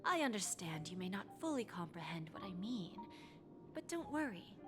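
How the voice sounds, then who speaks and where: A woman voicing a courteous, enigmatic pawnshop owner in a video game, speaking in a formal, teasing, deliberate way. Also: medium pitch, very animated, lightly acted. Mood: knowing, composed. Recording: music behind. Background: game music.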